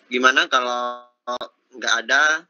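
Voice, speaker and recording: Polite young moderator man, bright voice. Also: mid-range voice, fairly even intonation, takes it slowly, dull audio. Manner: brief, polite, addresses the speaker as sir. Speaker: event moderator.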